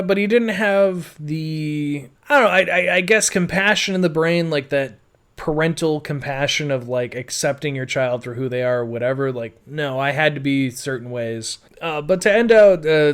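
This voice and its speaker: With a smooth, fairly high voice, an adult podcaster casually recounts his own life in a loose, conversational monologue, dropping "like" and "you know" throughout.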